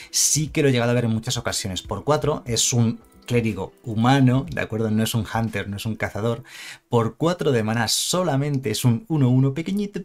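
A man giving casual live commentary on a card game, rambling and chatty, with asides and self-corrections. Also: lowish voice.

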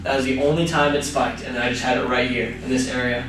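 A man's voice: mid-range voice, flat delivery, quick pace, distant mic, background noise. A young man chatting casually as he investigates a supposedly haunted room for a vlog. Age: young adult. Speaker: ghost-hunting vlogger. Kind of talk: casual chat while investigating. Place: small bare indoor hotel room. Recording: very echoey room, off-mic, music underneath.

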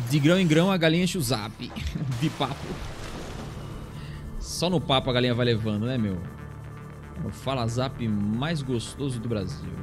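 A young man with a Brazilian Portuguese accent streams a survival game live, talking to himself and thanking viewers in chat. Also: medium pitch. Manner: chatty, talks to himself and thanks chat members. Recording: game music playing behind.

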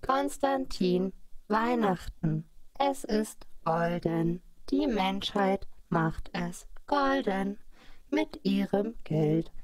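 A woman voicing a cold, calculating female clockwork computer with a metallic machine voice, measured and coaxing. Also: medium pitch, expressive, darkish tone, dry recording, low-quality recording. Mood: persuasive. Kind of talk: audio story acting.

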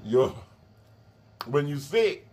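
Man, mouth full of food, lively up-and-down voice, husky, casual chat to viewers. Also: fairly high pitch, extremely slow. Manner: chatty, animated, addresses viewers as y'all. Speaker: mukbang vlogger.

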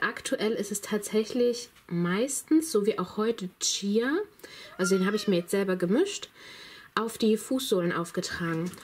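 Phone camera in hand, a vlogger gives a casual walkthrough of her home, speaking directly to viewers with easygoing enthusiasm. She's a chatty woman in her thirties who's a bit under the weather. Her voice sits at a medium pitch, and a faint hiss or hum runs under it.

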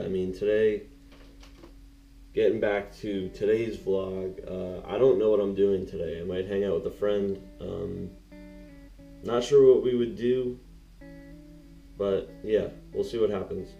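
A man's voice: low-pitched, steady tone, takes it slowly, gravelly, long pauses, mellow, echoey room, dull audio, soft background music. A young man vlogging casually, rambling and hesitant with many fillers, filmed on an action camera at home and in a car. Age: young adult. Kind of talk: casual vlog chat. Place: home kitchen, then inside a car. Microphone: action camera held near face. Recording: noisy car and outdoor sound.

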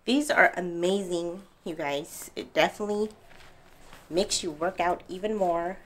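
Speaking at a measured pace in a lowish, fairly bright voice, a young fitness vlogger reviews a product casually and upbeat from her bright living room at home, addressing viewers directly.

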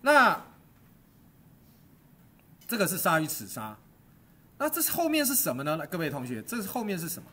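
A middle-aged man lectures a classroom on stagecraft. His voice is slightly high and a little husky, and his pitch swings widely as he tosses questions and jokes at his students. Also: normal speed, long pauses. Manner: animated, quizzes students and jokes; mixes English terms into his teaching. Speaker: university stagecraft teacher.

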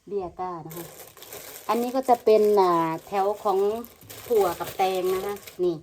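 A woman's voice: mid-range voice, moderate pace, mellow, a little hiss or hum. A woman from Thailand with an Isan Thai accent, chatting casually in a home gardening vlog and often addressing her viewers as brothers and sisters. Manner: chatty, keeps calling viewers "brothers and sisters", many fillers. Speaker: vlogger. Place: home where she lives abroad, with family noise around.

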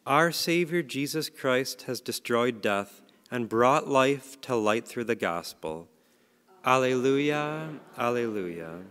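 A male lector reads scripture and leads a psalm at an unhurried, solemn pace. His voice has a middling pitch for a man. A cathedral echo follows each phrase, a long reverb rolling through the large church. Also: lively intonation, a bit bright. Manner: measured, solemn reading. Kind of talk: liturgical reading and psalm.

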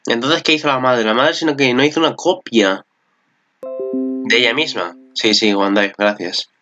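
A man's voice: medium pitch, moderate pace, highs cut off, over music. A man with a Spanish accent from Spain giving casual, rambling reaction commentary on an anime, swearing often.

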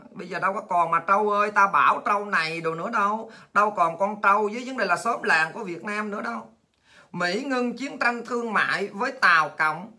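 A woman hosting a heated political monologue, coarse and insulting, with shouted taunts. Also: medium pitch, brisk. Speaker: political commentary host.

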